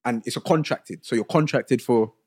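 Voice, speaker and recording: A man's voice: mid-range voice, moderate pace, darkish tone, slightly rough. A man co-hosting a podcast, reading out a news item in a loose, chatty way with filler ums. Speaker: podcast co-host. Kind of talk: casual chat and news segment.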